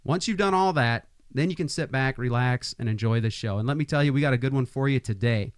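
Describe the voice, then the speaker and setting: A man's voice: mid-range voice, fast talker, smooth, no room sound. Forties guy from iowa hosting a podcast, hypes things up, rambles a bit, dry mic. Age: 40s. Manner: upbeat hype-man intros, chatty with many restarts. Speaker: podcast host. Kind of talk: casual podcast interview.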